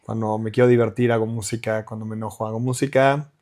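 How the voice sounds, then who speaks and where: A middle-aged guest musician from Mexico City, speaking with a Mexican Spanish accent, chats casually in an interview, rambling through restarts and fillers. His voice is lowish and a little mellow, fast-paced, with little pitch movement.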